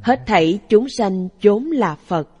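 A woman reading a Buddhist dharma talk aloud in a calm, even, measured way. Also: mid-range voice, highs cut off. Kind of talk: slow read-aloud Buddhist sermon. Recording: long hall reverb.

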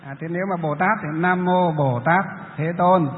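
A Buddhist monk teacher with a high male voice gives a dharma talk in a large lecture hall, taking questions from the audience. At a moderate pace he explains patiently and sometimes breaks into chanting demonstrations, captured in a tinny, echoey recording.

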